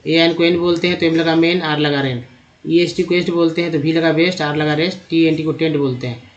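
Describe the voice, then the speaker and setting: A man with a fairly high voice teaches English reading over slides. He breaks each word into its parts and repeats the syllables one by one. The recording sounds dull and lo-fi. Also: fairly even intonation, fairly quick. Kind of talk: slide-based spelling lesson.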